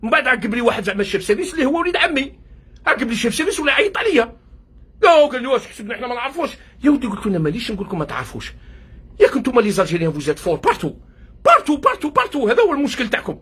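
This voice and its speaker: Fast, husky grieving Algerian man. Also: very high-pitched, animated, a bit bright. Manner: agitated ranting, switches often between Arabic and French. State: grieving, near tears. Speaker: doctor working abroad. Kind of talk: emotional video monologue. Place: hospital workplace.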